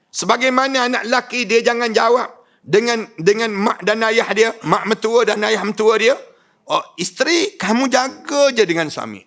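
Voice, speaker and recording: A man's voice: high voice, sharp tone. A man with a northern Malaysian Malay accent, a religious lecturer giving a sermon to a live audience, exhorting them with repeated commands and rhetorical questions.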